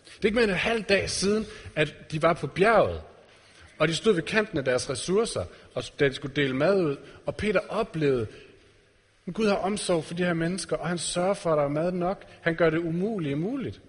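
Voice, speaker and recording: A man's voice: fairly high pitch, animated, husky. A man giving a sermon to a congregation in an earnest way, putting direct questions to his listeners. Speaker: preacher. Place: church hall. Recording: reverberant church hall.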